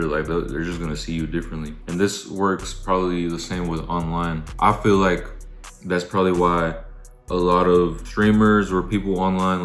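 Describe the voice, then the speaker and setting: A man's voice: sits low, echoey room. A man in his twenties chatting casually in a laid-back, slangy way, thinking aloud as he talks with his mouth full while eating. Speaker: content creator. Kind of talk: casual vlog question-and-answer chat.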